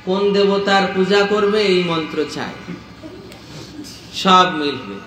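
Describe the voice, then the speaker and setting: A man's voice: sits high, sing-song, measured pace, fairly bright tone, a little hiss or hum. A man teaching a scripture class, explaining patiently, repeating key points and checking that his listeners understand. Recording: echoey room with faint ambience.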